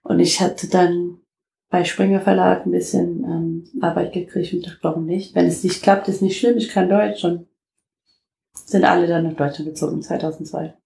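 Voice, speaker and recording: Guest voice: gravelly, lowish American woman in her fifties, halting with many fillers, echoey room. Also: little pitch movement, dark tone, a little hiss or hum. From United States (Detroit). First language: English. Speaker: interview guest. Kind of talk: casual interview talk.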